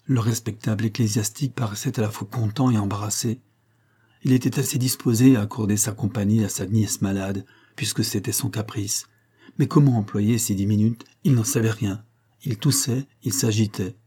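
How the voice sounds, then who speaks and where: A male audiobook narrator reading a classic novel in a measured, even way. His voice is dark and mellow, with a husky edge. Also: on the low side. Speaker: audiobook reader.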